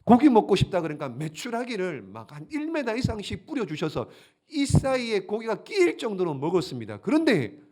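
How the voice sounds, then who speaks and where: Lively, higher-voiced man preaching. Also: brisk. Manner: animated, asks the congregation questions and answers them. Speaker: pastor. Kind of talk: sermon.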